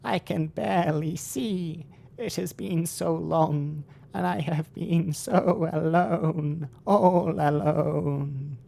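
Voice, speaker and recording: A man voicing a frightened, pleading servant creature from a fantasy game, with a quavering, bleating goat-like voice and drawn-out words. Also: fairly high pitch, creaky, mellow, pitched above the performer's own voice, full character voice. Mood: lonely, bewildered.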